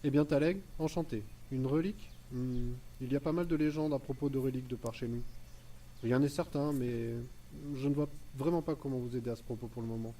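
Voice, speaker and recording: A polite, formal village chief in a fantasy game, voiced by a man. He speaks at an ordinary pitch, and his voice comes from some distance, with faint noise in the mix. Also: fairly even intonation, a little fast, warm tone, close to an everyday voice. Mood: welcoming. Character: courteous village chief, middle-aged man.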